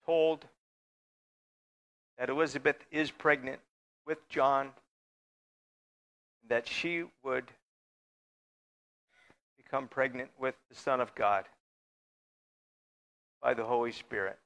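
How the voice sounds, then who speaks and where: A man's voice: medium pitch, fairly even intonation, takes it slowly, pauses often, fairly bright tone. A man preaching a conversational sermon in church, sometimes joking with the congregation. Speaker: pastor.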